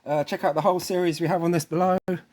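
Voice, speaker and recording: A man with a high-sitting, slightly mellow voice talks rapid-fire yet keeps a steady tone. He presents relaxed, hands-on tech installation tutorials and often checks in with viewers.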